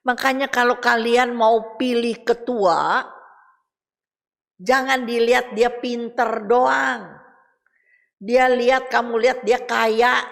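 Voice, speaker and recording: A woman's voice: mid-range voice, creaky, fairly bright tone. A woman, giving a chatty Bible study talk and speaking directly to her listeners. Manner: chatty, addresses listeners directly, reads verses aloud. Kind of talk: casual Bible teaching. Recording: reverberant hall.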